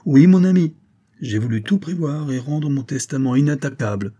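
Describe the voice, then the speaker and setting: A man's voice: mid-range voice, normal speed, dark tone, slightly rough, lo-fi sound, pitched above the performer's own voice, lightly acted. A man voicing an elderly general, a kindly but solemn patriarch who speaks firmly and formally.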